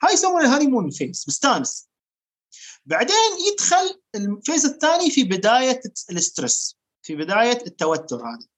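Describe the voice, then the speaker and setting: A doctor with an Emirati accent talks quickly and emphatically as a guest expert. The voice sits at an ordinary, middle pitch. English technical terms come up often in the explanation. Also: huge pitch swings, slightly rough. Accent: Emirati Arabic. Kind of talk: explanatory interview talk.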